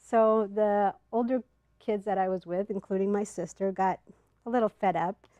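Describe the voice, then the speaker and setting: Middle-aged woman from ethiopia telling a story to a crowd, earnest, halting, lots of ums, dry close sound. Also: mid-range voice, fairly even intonation, warm tone, no room sound, muffled recording. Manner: earnest, halting delivery with pauses and fillers. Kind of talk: personal storytelling to a live audience. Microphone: clip-on mic, not in front of the face.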